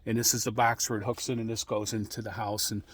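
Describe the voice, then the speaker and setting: A middle-aged American man giving an informal, rambling explanation as a radio hobbyist, speaking in a halting way. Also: fairly low pitch, level tone, a little hiss or hum. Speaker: amateur radio hobbyist hosting an introductory video.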